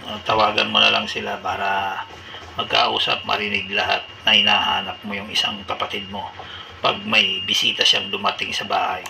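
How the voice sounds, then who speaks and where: A man with a Filipino accent giving a casual unboxing and demo chat as a vlogger. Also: lowish voice. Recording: clear background noise.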